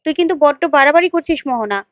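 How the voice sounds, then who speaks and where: A woman voicing a middle-aged mother who scolds her daughter in a shrill, anguished way. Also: lively intonation, rapid-fire, no echo, highs cut off. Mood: scolding.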